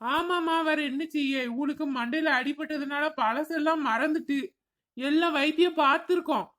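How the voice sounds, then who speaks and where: Woman voicing a curt impatient cartoon doctor guy, highish voice. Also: fairly bright tone. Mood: brusque. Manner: brusque, hurried instructions. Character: impatient male doctor, middle-aged, brusque. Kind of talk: cartoon comedy voice acting.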